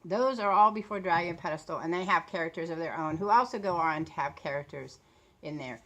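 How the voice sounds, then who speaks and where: Here a woman in her late fifties who vlogs about books and writers rambles casually, her fairly low voice brisk and a little bright. Tired and sick with a sore throat, she speaks slightly oddly because her lip is swollen, and the recording is rough.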